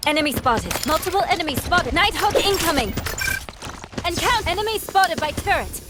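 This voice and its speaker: A woman's voice: very high voice, animated, normal speed, very noisy. A woman voicing a female fighter in a video game, calling out short, clipped combat alerts. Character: high-pitched female gadget fighter calling out enemy sightings. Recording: loud gunfire over game audio. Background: gunfire and clicks.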